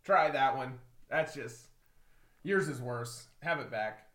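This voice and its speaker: A man in his twenties co-hosting a podcast, animated and blunt, swearing freely. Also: medium pitch, slow, echoey room. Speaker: podcast co-host. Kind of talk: casual podcast chat.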